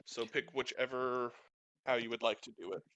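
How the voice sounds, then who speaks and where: A man narrating a tabletop game as game master, relaxed and hesitant with many fillers. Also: mid-range voice, moderate pace, no echo.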